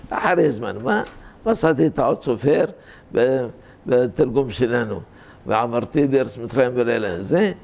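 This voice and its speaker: An older man giving an informal scholarly talk on how scripture is read, explaining deliberately and repeating and correcting himself as he goes. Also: mid-range voice, creaky, a little mellow. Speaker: religious teacher.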